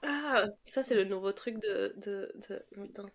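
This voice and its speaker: Hoarse woman with a cold, chatting. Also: measured pace. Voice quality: low, husky sick voice. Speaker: podcast co-host. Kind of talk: casual chat.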